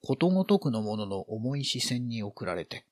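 A man narrates a literary story in a vividly animated voice whose pitch rises and falls freely. His middle-pitched delivery colors each feeling in the narration. The recording is close and dry, with no room sound. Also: normal speed, no echo. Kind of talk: expressive literary reading.

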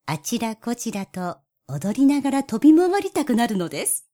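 A woman's voice: fairly high pitch, big pitch swings, moderate pace, warm tone. A woman voicing a cheerful but wary female bush warbler, speaking in a lilting, prim and teasing way. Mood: dreamy. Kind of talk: storybook reading.

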